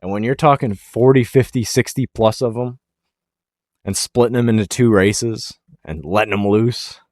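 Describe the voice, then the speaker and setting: A man hosting a racing talk show, talking casually and with excitement, pushing hard on key words and then trailing off quietly. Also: on the low side, moderate pace, no echo. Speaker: racing podcast host.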